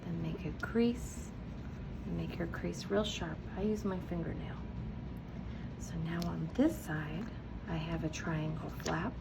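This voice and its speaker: This preschool teacher hosts a children's read-aloud and craft video, guiding young kids through a craft step by step with patience and encouragement, often posing a question and then answering it herself. Her mid-range voice carries some vocal fry, and there's background noise.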